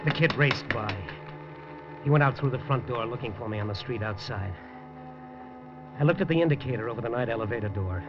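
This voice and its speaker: In a 1950s radio drama, an actor plays a wisecracking male newspaper reporter, narrating in a dry, hardboiled style. His medium-pitched voice is brisk and close to an everyday voice. The broadcast sounds dull and lo-fi, with music.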